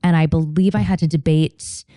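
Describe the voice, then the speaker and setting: A woman as a podcast guest in casual chat, telling animated stories with quick asides. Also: low voice, dry recording, clean studio sound.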